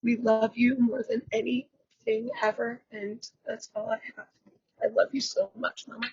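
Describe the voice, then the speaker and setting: A middle-aged woman giving a heartfelt, halting eulogy for her mother over a video call. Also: little pitch movement, breathy edge, no room sound. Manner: heartfelt and halting, wide swings in pitch. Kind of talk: memorial eulogy. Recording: dull lo-fi video call audio.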